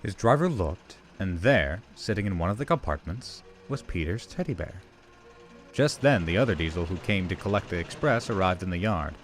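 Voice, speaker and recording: A man narrating a storybook tale in an expressive, lively reading. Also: sits low, normal speed, faint music behind.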